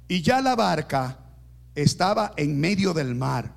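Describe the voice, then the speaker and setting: A man preaching a sermon, reading scripture slowly and deliberately and building up intensity as he reads. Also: a little high, very animated, vocal fry, background noise. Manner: slow, deliberate delivery with self-corrections.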